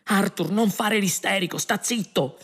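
A clever alien traveller coaxes and needles, stretching out his words for effect, as a man voices him. The voice sits higher than plain speech, with a husky grain. It is a storybook reading of a comic space tale. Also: a little slow, fairly bright tone, heavily acted. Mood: coaxing. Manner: coaxing, drawing out words. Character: quick-witted male alien traveller, wheedling and persuasive.

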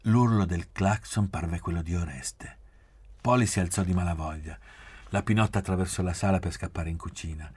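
A man reading a novel aloud in measured, quiet literary narration. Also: low-pitched, breathy edge. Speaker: reader.

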